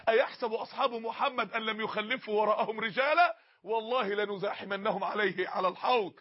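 A man's voice: high-pitched, breathy edge. A man with an Egyptian accent preaching an impassioned sermon, pleading with listeners and acting out dialogues. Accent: Egyptian Arabic. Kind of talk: emotional Egyptian Arabic sermon. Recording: dull lo-fi sound.

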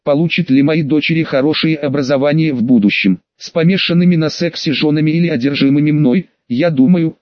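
A man narrates an audiobook in the first person with a steady, even reading. His voice sits a little high for a man. The sound is dry and close, with slightly dull, narrow audio. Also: dry recording.

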